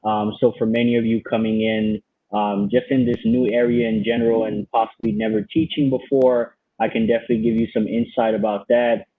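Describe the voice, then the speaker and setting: Over dry, phone-like video call audio with no room sound, a young man introduces himself earnestly on a panel in a prepared statement. He is a graduate student from the Bahamas and Haiti who grew up in Miami, and he speaks fairly quickly at a medium pitch.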